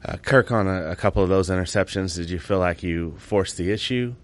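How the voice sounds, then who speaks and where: A male reporter asking a follow-up at a press conference, halting and rephrasing as he goes. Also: low-pitched.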